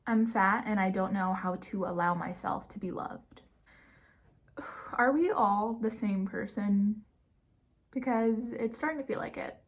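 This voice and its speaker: A woman's voice: mid-range voice, measured pace. A young woman in her twenties chatting candidly and casually at home, giving frank advice and swearing freely. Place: home room.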